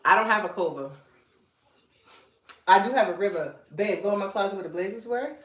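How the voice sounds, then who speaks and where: Chatting about fashion on a relaxed live stream at home, this Gullah Geechee woman from Beaufort, South Carolina, who runs a clothing brand, keeps things lively and teases her husband in asides between topics. She speaks fairly quickly at medium pitch, and the room echoes.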